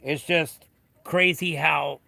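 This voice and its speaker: Middle-aged American male livestreamer, heavily gravelled whiskey voice with a forceful edge, rambling, blunt, off-the-cuff chat. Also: a little high, steady tone, slow. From United States. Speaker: livestream host. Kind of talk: casual chat with viewers.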